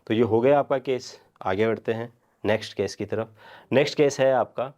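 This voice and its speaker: A man giving a revision lecture as a commerce teacher. He quizzes his students with questions and answers them himself, and he dictates journal entries slowly, word by word. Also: medium pitch, darkish tone.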